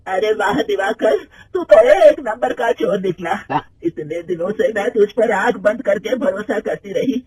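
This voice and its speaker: A man voicing a stern, bossy older woman, a mother-in-law in a cartoon story, with drawn-out scolding speech. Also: high voice, animated, fairly bright tone, husky, full character voice. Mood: furious. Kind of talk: cartoon voice acting.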